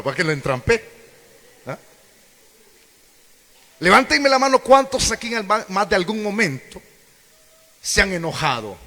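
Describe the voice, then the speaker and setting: Animated male preacher in an echoey hall. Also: on the high side. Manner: animated, acts out quoted voices, asks congregation questions. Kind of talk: sermon. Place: church hall.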